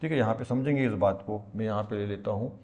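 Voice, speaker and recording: A man's voice: lowish voice, fast, a little mellow, lo-fi sound. A man teaching a maths lesson in Hindi-accented speech, explaining patiently and repeating key points with questions to the class. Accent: Hindi-speaking India.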